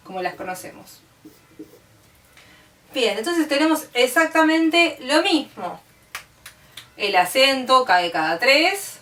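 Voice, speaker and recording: A woman's voice: a little high, a bit bright. A woman with an Argentine accent teaching music, explaining step by step and checking in with her students. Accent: Argentine Spanish. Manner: patient, step by step, checks understanding with "¿sí?". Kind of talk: classroom explanation. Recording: roomy, distant mic.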